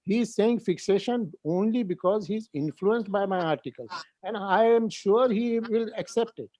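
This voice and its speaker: A man's voice: high voice, normal speed, darkish tone, no echo. Insistent lecturing man. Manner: insistent, lecturing, repeats phrases for emphasis. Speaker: senior neurosurgeon and panelist. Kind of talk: heated panel discussion.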